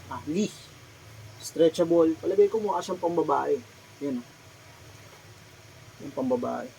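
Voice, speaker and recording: Slow, polite Filipino man showing clothes. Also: on the high side, slight background noise, poor audio. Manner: slow, polite, repeats item names and sizes. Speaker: thrift clothing seller. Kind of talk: casual product showcase vlog. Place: his small shop.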